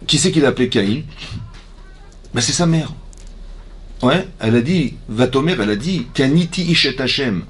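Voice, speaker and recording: A man, a rabbi giving a lively Torah lesson to a women's class. He keeps asking his listeners questions and acts out the dialogue. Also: mid-range voice, moderate pace, long pauses, slight background noise. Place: community hall.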